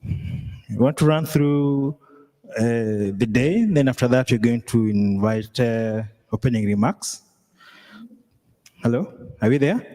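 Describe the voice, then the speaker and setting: Man facilitating a meeting, mellow voice. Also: medium pitch. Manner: relaxed, halting with fillers. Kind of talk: running a workshop session.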